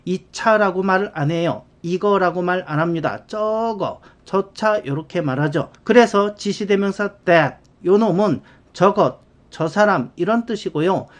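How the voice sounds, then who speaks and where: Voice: medium pitch, a little slow, few pauses. Chatty grammar teacher acting out examples. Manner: chatty and explanatory, acts out little quoted dialogues. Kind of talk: casual spoken lesson. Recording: background music.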